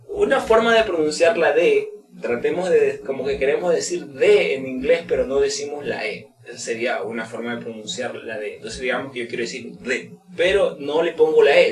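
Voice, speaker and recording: A man giving a casual spoken lesson as an English teacher, hesitant, with many fillers and words repeated slowly. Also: mid-range voice, recorded from a distance. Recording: roomy, off-mic, crowd behind.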